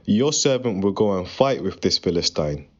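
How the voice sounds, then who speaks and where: A man's voice: deep voice, expressive, normal speed. Man reading as young shepherd David, muffled recording. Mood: earnest, resolute. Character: David, confident faithful young shepherd defying a giant. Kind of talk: dramatized scripture reading.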